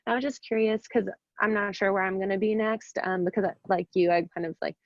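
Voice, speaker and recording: A woman's voice: mid-range voice, steady tone, fairly quick, no room sound. A young adult woman on a video call, asking a question in a hesitant, casual way, with many ums and likes. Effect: video call audio. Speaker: audience member asking a question. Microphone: computer mic on a video call. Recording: muffled, dry video call audio.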